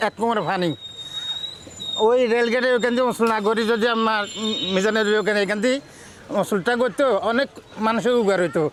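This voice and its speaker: A man resident complains in regional speech during an outdoor interview. His voice is high for a man and sounds a little off-mic. Faint street noise is heard behind him. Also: fairly quick, long pauses.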